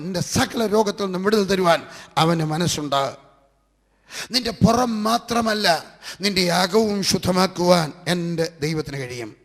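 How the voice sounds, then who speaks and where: A man's voice: high-pitched, fairly bright tone, husky. Man, Malayali accent, fervent preacher, repetitive rhetoric, long hall echo. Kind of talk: sermon.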